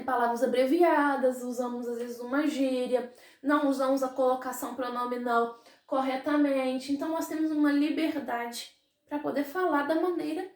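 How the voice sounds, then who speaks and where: A woman's voice: high-pitched, echoey room. A woman teacher with a Brazilian Portuguese accent, explaining a lesson to pupils and checking in with them as she goes. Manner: explains with questions and tag words to pupils. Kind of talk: classroom lesson.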